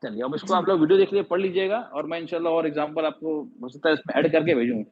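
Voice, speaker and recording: A male teacher with a slightly high, husky voice takes his class through each step slowly and patiently. He keeps checking that the students have understood by asking them questions again and again. The audio is muffled and lo-fi. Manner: patient, quizzing students repeatedly. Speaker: Quran teacher. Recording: dull lo-fi audio.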